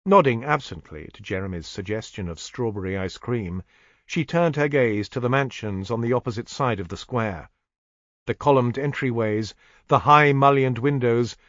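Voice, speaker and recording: A man narrating a period mystery audiobook in a measured, descriptive manner. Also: mid-range voice, a bit bright, no room sound. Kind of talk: scripted narration. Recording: dull, dry studio recording.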